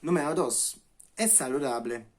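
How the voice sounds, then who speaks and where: Speaking at a medium pitch, this native English speaker from England, a man in his late 20s, hosts a language channel. He delivers a laid-back lesson straight to camera, frequently stopping and starting again with filler words.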